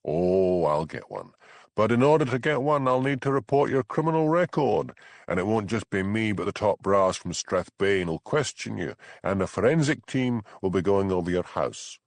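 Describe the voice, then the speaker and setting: A man as a quiet Highland policeman. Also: dry recording. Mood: firm. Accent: Scottish Highland. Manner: quiet, flat, measured.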